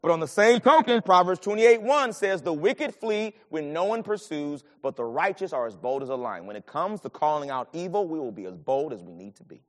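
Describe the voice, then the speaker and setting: Animated preacher man in a reverberant hall. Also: brisk, few pauses. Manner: animated, swings from low murmurs to shouted lines. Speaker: pastor. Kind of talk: sermon with personal storytelling.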